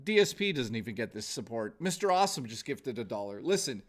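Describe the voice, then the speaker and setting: A man in his forties chats casually to viewers as a gaming livestreamer, informal and exclamatory, with some swearing. His voice is medium-pitched with big pitch swings and a brisk pace.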